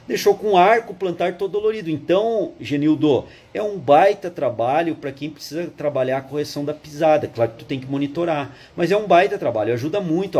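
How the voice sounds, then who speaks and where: A man teaching a live online fitness course in a casual, animated way, full of slang and quick check-ins. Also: a little high, husky. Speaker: physical education instructor.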